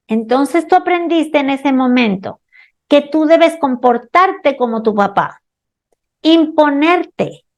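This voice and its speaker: A woman hosting a radio show as a holistic therapist, speaking calmly and slowly, asking the listener questions. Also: sits high. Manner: calm, slow, addresses listener directly with questions. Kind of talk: scripted radio talk with examples.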